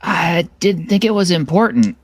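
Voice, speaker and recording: A man narrating a tabletop game as game master, hesitant and halting with frequent fillers. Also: sits high, lively intonation, no echo.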